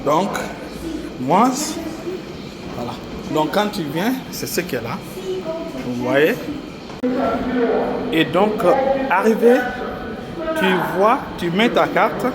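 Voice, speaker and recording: A man vlogging as he walks through the city and into the subway, explaining things slowly with many pauses and fillers. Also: high voice, sing-song, over a noisy crowd. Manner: slow, repetitive, halting explanation with many fillers. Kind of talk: casual walking vlog. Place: outdoors on a city street, then down into a subway station. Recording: street and subway noise behind the voice. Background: city traffic and subway noise.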